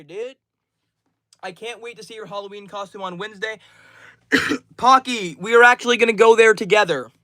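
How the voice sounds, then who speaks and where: A twenty-year-old male livestreamer reads names from his chat and answers each message in a friendly, upbeat way. His voice is high and a bit bright, with no echo.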